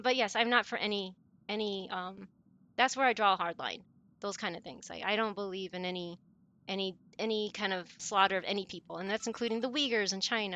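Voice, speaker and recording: A woman's voice: mid-range voice, gravelly, sharp tone, muffled recording. A woman live streamer talking casually to her chat in a rambling, conversational way. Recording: music playing behind the voice. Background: background music.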